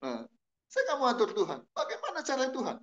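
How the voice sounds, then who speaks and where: A middle-aged man preaching a sermon at a church service, telling a story and asking the congregation questions, shifting from low murmurs to loud exclamations. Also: huge pitch swings, fast talker, dull audio. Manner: asks the congregation questions and answers them. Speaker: pastor.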